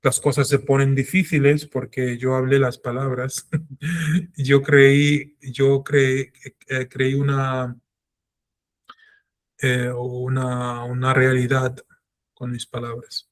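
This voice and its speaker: A middle-aged man gives a Torah class, his mid-range voice steady and slow. He speaks earnestly and reflectively, drawing on his own life as he lectures.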